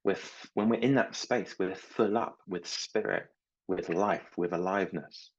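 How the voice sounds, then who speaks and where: A middle-aged man and mindset coach talking slowly and reflectively, telling small stories about his children. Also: sits low, husky, lo-fi sound. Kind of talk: reflective talk to camera.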